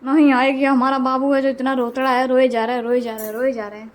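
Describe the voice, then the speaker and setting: A woman's voice: sits high, flat delivery, a little fast. A young woman chatting casually in her vlog, teasing and laughing often, recorded on a phone. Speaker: vlogger.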